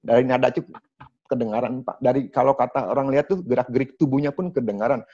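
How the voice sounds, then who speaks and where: A man's voice: mid-range voice, fast talker. Chatty man teaching over a video call. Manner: lively, chatty, addresses participants as Bapak Ibu. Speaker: property sales trainer. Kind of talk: online training talk over video call. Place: at home. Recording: dull, dry video-call audio.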